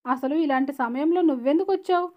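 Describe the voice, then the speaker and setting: A woman's voice: high-pitched, quick pace, highs cut off, close to an everyday voice. A woman reading an audiobook, voicing a desperate, tearful young woman. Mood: distraught. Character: distraught young woman, sobbing younger sister.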